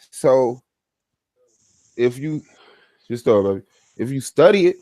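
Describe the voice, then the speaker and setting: A man hosting a casual online panel chat, blunt and animated, swearing freely. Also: lowish voice, no room sound.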